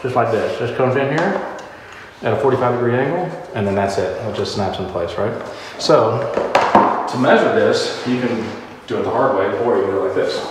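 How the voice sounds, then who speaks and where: A man's voice: medium pitch, expressive, fairly quick, heavy background noise. A man casually explaining house building and flooring in a rambling, joking way, recorded in a bare house under construction. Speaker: home builder vlogger. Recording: echoey empty room, mic far off.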